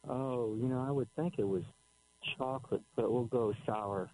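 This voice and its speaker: A man calling into a radio show from his car, relaxed and chuckling. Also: medium pitch, moderate pace, no echo, rough recording. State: pulled over while driving. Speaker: caller.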